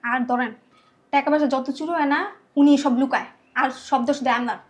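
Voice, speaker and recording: An actress playing a trouble-stirring maidservant in a family drama, tattling. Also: female voice, high voice, fairly even intonation, a little fast, slight background noise, lightly acted. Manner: conspiratorial tattling.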